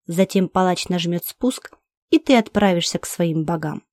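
A woman voicing a cold, cruel male alien interrogator who speaks slowly and evenly, reading an audiobook. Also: fairly low pitch, darkish tone, no room sound, clean studio sound, close to an everyday voice. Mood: menacing. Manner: slow, level, menacing delivery. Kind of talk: audiobook character voice.

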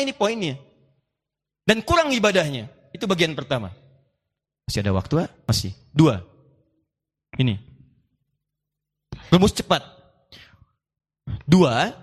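A man preaching a sermon to a live audience, playful and animated, acting out little dialogues and reciting Quranic verses. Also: sits high, normal speed, long pauses, big-room sound.

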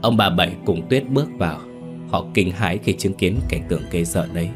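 A man narrating a dark family story in a somber, scripted telling. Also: sits low, animated, fairly quick. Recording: faint background music.

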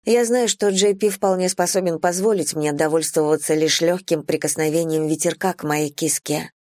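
A woman narrating a first-person romance audiobook in an even, intimate, low-key reading. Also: normal speed, no echo, studio quality.

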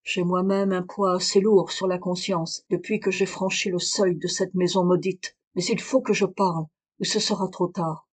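A proud foreign woman speaks with dignity and firm conviction, as a woman reader puts her on. She keeps a steady, earnest delivery with a foreign accent. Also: on the low side, normal speed, few pauses, slightly rough. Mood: scornful. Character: proud exiled woman, dignified, confessing a crime.

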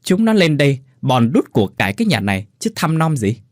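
A man voicing a cruel, arrogant older mother-in-law who scolds in a shrill voice. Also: big pitch swings, a little fast, dry recording, studio quality, close to an everyday voice. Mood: venomous.

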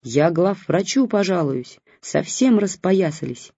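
Brief: shrill complaining aunt, read by a husky-voiced narrator, dry dull audiobook recording. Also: expressive, a little slow, no echo. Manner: shouting, complaining. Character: shrill indignant aunt, demanding and loud.

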